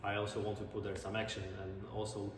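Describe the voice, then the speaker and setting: A man's voice: fairly low pitch, completely flat delivery. Slovak-accented man in an echoey, reverberant space. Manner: earnest, slightly halting non-native English. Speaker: drifter and car-building vlogger. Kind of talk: casual vlog talk to camera. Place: large indoor garage. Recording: echoey garage, distant mic, background noise.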